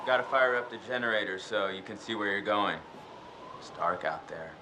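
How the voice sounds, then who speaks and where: A man's voice: on the low side, moderate pace, close to an everyday voice. An actor playing a mocking, wisecracking young man in video game dialogue. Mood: teasing. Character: teasing young male friend and host. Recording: game audio with loud ambient noise.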